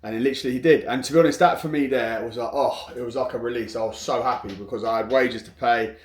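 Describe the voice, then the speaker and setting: A man's voice: medium pitch, fast, roomy sound. A man who runs a construction business, telling a frank, rambling story to camera with many restarts.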